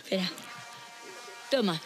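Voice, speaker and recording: An actress playing a huffy, stingy housewife. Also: female voice, a little slow, soft background music, lightly acted. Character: stingy middle-aged housewife, naive and huffy. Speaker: sitcom wife. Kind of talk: sitcom acting.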